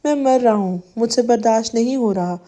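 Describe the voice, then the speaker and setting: A man's voice: very high voice, dark tone. A woman voicing a grief-stricken young man who begs for forgiveness. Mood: pleading.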